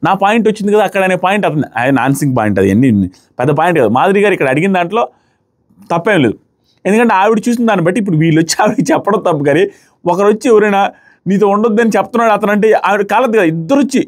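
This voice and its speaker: A man giving a casual, opinionated review of a reality show, retelling the arguments quickly and acting out what others said. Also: sits high. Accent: Telugu-speaking South Indian. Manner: fast, animated retelling, briefly mimics the people he quotes.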